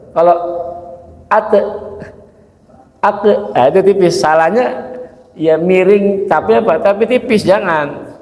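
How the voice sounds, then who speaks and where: A man teaching Quran recitation in a casual religious lesson, asking rhetorical questions and demonstrating slow recitation, recorded in a mosque hall. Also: high-pitched, a little mellow. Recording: echoey mosque hall with long reverb.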